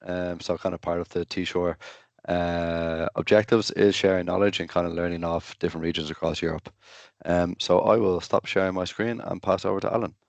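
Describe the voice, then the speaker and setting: A deep-voiced man introduces a session on a video call. His delivery is matter-of-fact and hesitant, with very little melody. The sound is dry and close. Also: level tone, moderate pace, vocal fry, darkish tone, no echo, lo-fi sound. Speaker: webinar host. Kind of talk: informal project introduction.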